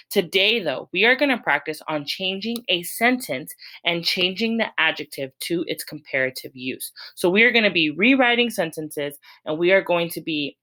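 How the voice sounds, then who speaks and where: A woman's voice: on the low side, bright, forceful tone, poor audio. A woman teacher explaining a grammar lesson patiently, step by step, asking her students questions as she goes. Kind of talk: recorded classroom lesson.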